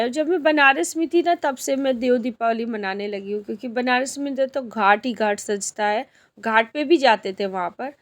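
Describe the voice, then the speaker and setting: A woman vlogger narrating her outing in a chatty way, often speaking straight to her viewers. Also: fairly high pitch. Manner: chatty, addresses viewers as friends. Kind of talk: casual vlog narration.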